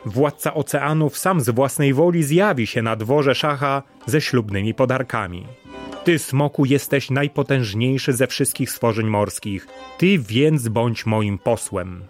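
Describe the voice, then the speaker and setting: A man voicing the just male ruler of the sea in a storybook, speaking in a solemn, measured way. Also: medium pitch, soft background music, natural voice.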